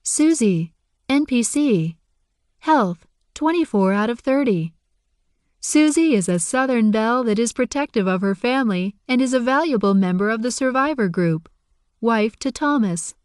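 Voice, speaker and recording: A woman's voice: fairly high pitch, animated, normal speed, darkish tone, no echo, clean studio sound, close to an everyday voice. A woman voicing a formal game system announcer that reads out stats and quests in an audiobook. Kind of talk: audiobook narration.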